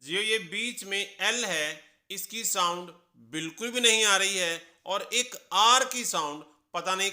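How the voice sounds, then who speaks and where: A man teaching pronunciation in a deliberate classroom manner. He spells each word letter by letter and then says the correct form twice. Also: high-pitched, bright, forceful tone. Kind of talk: slow, deliberate classroom explanation.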